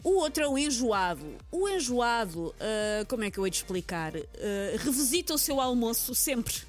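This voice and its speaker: A woman's voice: fairly high pitch, big pitch swings, moderate pace, faint music behind. A woman with a European Portuguese accent presenting casual comedic radio commentary in a playful, wry way. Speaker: radio humour segment presenter.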